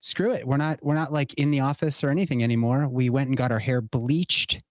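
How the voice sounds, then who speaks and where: A man's voice: mid-range voice, steady tone, a little fast, no room sound. Male podcast guest, 30s, earnest and playful, dry close sound. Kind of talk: casual chat.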